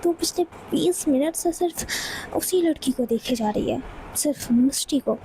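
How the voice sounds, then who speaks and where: A woman's voice: high-pitched, normal speed, dark tone, a little hiss or hum. A woman voicing a playful young female best friend who prods and teases, in an audio story. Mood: teasing. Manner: playful, prodding.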